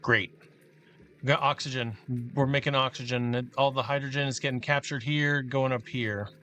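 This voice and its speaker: A man giving casual, halting commentary while he plans a build in a game, thinking aloud with many restarts. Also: mid-range voice, steady tone, sharp tone. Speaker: gameplay commentator.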